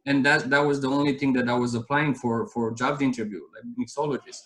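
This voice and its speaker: A man's voice: mid-range voice, fairly even intonation, quick pace, fairly bright tone, poor audio. A man in his thirties from Romania, speaking with a Romanian accent as an interview guest, telling his story earnestly in a rambling way with many restarts. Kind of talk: casual interview chat.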